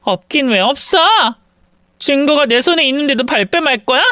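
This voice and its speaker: A woman narrator voicing a spiteful young woman, a mistress, who talks in a sharp, scornful and accusing way. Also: sits high, very animated, a little slow, no echo, clean studio sound, voice pushed up, full character voice.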